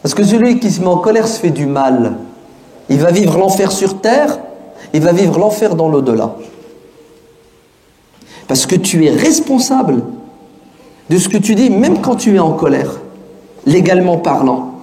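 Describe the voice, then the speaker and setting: A man giving a lively, colloquial sermon to an audience, throwing out rhetorical questions. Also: sits high, a little slow, long pauses. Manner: lively, street-casual, many rhetorical questions. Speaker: preacher. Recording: roomy, echoey room.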